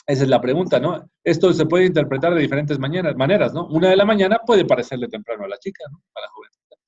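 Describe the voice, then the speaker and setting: A man's voice: fairly high pitch, expressive, fast, darkish tone, breathy edge. A middle-aged man giving an informal talk to parents, often ending phrases with a questioning tag and restarting. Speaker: parenting course speaker. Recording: dull lo-fi recording.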